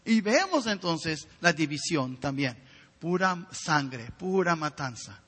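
A man's voice: a little high, sing-song, takes it slowly, a bit bright, husky, long reverb tail. A man preaching a sermon with fervor, often turning to ask the listeners direct questions.

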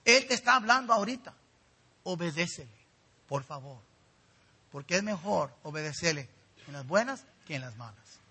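High-pitched lively husky preacher man. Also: normal speed, pauses often. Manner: preaching with rising emphasis and direct appeals to the congregation. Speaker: pastor. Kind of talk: sermon.

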